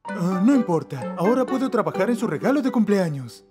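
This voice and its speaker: A man voicing a big, friendly, slow-witted polar bear in a children's cartoon. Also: sits high, very animated. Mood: bashful, kindly. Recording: music behind the voice.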